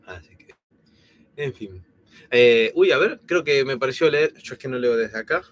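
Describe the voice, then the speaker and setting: This man, in his thirties and originally from Argentina, speaks with an Argentine Spanish accent mellowed by years in Spain as he casually co-hosts a live stream with lots of fillers and restarts. His voice is mid-range and expressive at normal speed.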